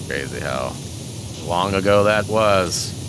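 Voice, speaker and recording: A man in his forties with a deep voice rambles through casual chat while playing a game. He talks unhurriedly but with a lively, swooping lilt and chuckles often, over a steady background hiss. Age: 40s. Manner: rambling, chuckling, with many fillers. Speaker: gaming channel host.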